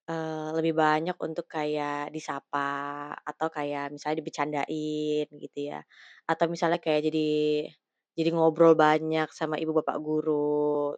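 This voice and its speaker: A young woman talks in a loose, personal way, full of slang and fillers. Her voice sits low, and the sound is dry and close with no room around it. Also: darkish tone, no echo, lo-fi sound. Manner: slangy Jakarta-style chat with many fillers. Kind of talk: casual personal talk.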